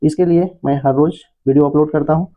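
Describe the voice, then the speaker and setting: A man's voice: on the high side, steady tone, fast talker. A man hosting an English lesson for beginners, explaining spelling and pronunciation patiently and repeating checks with his listeners. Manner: patient, repetitive explaining with frequent "है ना". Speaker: English teacher, channel host. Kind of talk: Hindi-language English lesson. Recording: tinny phone-like audio.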